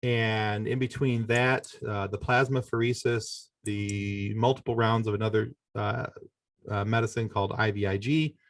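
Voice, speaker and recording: On a recording with no room sound, a middle-aged podcast guest shares a personal story in a lowish, steady voice. His delivery is conversational but halting, with frequent self-corrections.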